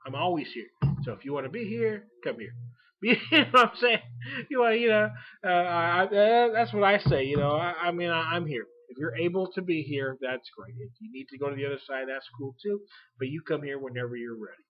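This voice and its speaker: A man's voice: on the high side, lively intonation, brisk. Lo-fi rambling man in his forties. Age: 40s. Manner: rambling, laughs often, folksy. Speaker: beer reviewer vlogger. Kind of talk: casual chat. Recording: lo-fi home recording.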